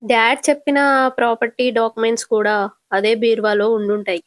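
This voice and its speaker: A woman's voice: on the high side, fairly even intonation, a little fast, dry recording, natural voice. A woman voicing a resentful young woman who plots to split a couple. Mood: scheming. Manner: scheming, resentful. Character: scheming young woman plotting against a couple.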